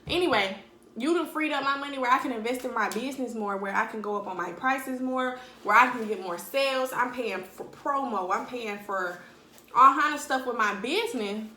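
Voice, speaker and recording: A woman's voice: on the high side, moderate pace, sharp tone, roomy sound. A young woman talking bluntly and animatedly in slang during a casual eating-video monologue at home. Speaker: vlogger.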